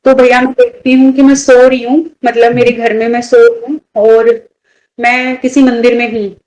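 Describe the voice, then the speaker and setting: A woman's voice: fairly high pitch, level tone, moderate pace, darkish tone, low-quality recording. A woman telling a personal story in casual conversation, rambling and restarting as she goes and often addressing the listener as brother. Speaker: devotee guest sharing a personal story.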